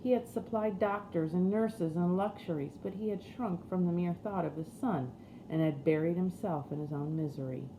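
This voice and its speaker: A woman reads a storybook aloud as scripted audiobook narration, her low-leaning voice warm and moderately paced. The recording has a roomy echo and faint background noise.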